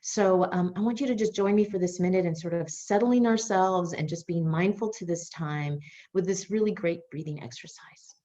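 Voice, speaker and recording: A woman's voice: on the low side, normal speed, warm tone, lo-fi sound. A woman, a nonprofit's executive director, hosting a webinar in a friendly, conversational and somewhat rambling way. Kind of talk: webinar presentation.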